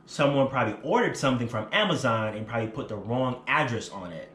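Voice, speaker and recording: A Jamaican-accented cooking vlogger chats directly to viewers about his food in a storytelling style, first from a small apartment living room and then his home kitchen. His mid-range, fairly bright voice is fast and lively, and the room is echoey with a little hiss or hum.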